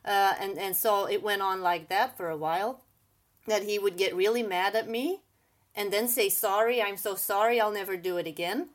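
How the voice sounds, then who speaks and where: A woman's voice: medium pitch, normal speed. A woman, an English speaker telling her own story candidly and casually as an interview guest. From Belgium. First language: not English. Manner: candid, casual, many "like" fillers. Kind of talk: personal storytelling.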